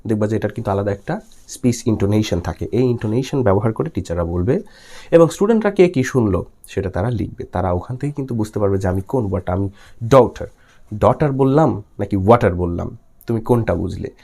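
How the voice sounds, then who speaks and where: This is a young man from Bangladesh giving a recorded lecture, his voice rising and falling in a lively way. He reads out English lines at a slow, deliberate pace and then explains them again. He keeps asking his listeners questions and answering them himself. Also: fairly low pitch, vocal fry. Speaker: teacher. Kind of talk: recorded exam-prep lecture.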